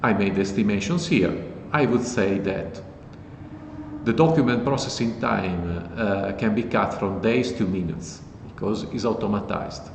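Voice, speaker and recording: A low-pitched man talks through a software walkthrough in a relaxed, matter-of-fact way. The recording is echoey, with a long reverb tail and faint background noise. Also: measured pace. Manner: relaxed, plain explanatory talk. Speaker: host explaining code. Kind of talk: casual tech tutorial.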